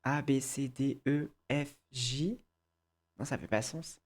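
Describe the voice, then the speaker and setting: Low, slow woman muttering through a quiz. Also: a little mellow, breathy edge. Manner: mutters to herself, swears, switches between French and English. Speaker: content creator. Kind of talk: casual quiz play, thinking aloud.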